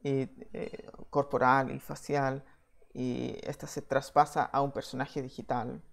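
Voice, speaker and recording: A man delivers an online slide lecture from a room at home, speaking into a webcam at his desk. His voice has a gravelly, creaky edge, and he talks in a measured way, pausing often on "eh". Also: mid-range voice, little pitch movement. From Chile. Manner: measured, with frequent "eh" fillers. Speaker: VFX software engineer giving a talk.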